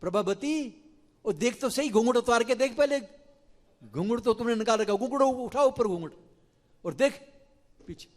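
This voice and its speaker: Stern motherly village woman, voiced by a male preacher, loud and commanding, hall echo. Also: very high voice, expressive, normal speed, long pauses, voice pushed up. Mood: urging. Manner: scolding, emphatic.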